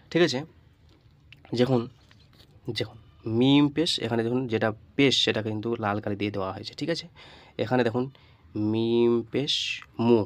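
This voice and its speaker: A man teaching Quran reading in Bengali, spelling out letters slowly, patient, often asking and answering his own questions. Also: fairly low pitch, a bit bright, no room sound. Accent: Bangladeshi Bengali. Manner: patient, repeats and asks rhetorical questions. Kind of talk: slow spelled-out lesson.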